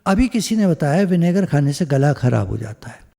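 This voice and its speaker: A man with a mellow, slightly high voice gives a chatty spiritual satsang talk over a video call. He piles up repeated phrases in lists, and his throat sounds a bit scratchy. His voice trails in a long reverb. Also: sing-song, normal speed, vocal fry. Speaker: spiritual teacher. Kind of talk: satsang discourse.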